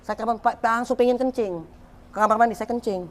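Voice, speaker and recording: A man telling his life story in a casual interview, animated, swinging from loud exclaims to low murmurs. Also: fast, slight background noise.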